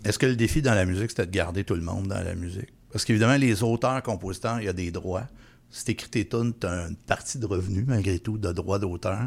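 A man's voice: low-pitched, quick pace, creaky. Man hosting a radio chat. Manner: conversational, long winding questions. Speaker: radio show host. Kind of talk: casual radio interview.

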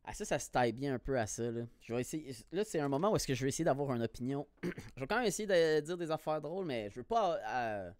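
A young man with a Québécois French accent hosting a casual podcast, telling stories in a slangy, laughing, animated way with plenty of swearing. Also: mid-range voice, fast, clear, resonant tone, no room sound. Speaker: podcast host. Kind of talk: casual chat.

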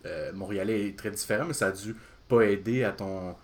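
A man with a Québécois accent, asking questions in a relaxed, conversational interview. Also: lowish voice, brisk. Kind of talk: casual interview chat.

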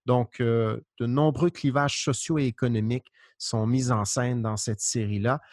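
A man, hosting a podcast and introducing his guest in a friendly, lively way. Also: medium pitch, moderate pace, dry recording, clean studio sound. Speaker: podcast host. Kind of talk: podcast interview.

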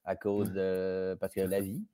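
A man's voice: sits low, monotone, measured pace, dark tone, smooth. A man with a Québécois French accent, a podcast guest chatting casually, rambling and playful, swearing freely. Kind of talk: casual conversation.

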